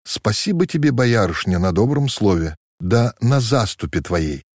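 A man voicing an earnest, proud orphaned young prince who speaks gently but firmly in a storybook reading. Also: mid-range voice, big pitch swings, normal speed, no room sound, studio quality, voice pushed up. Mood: gentle. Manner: earnest, gentle yet firm.

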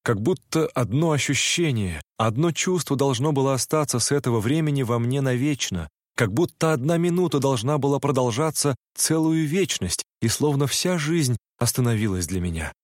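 A man narrating a story in the first person, reading in a measured, reflective way. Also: mid-range voice, lively intonation, no room sound, clean studio sound. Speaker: audiobook narrator.

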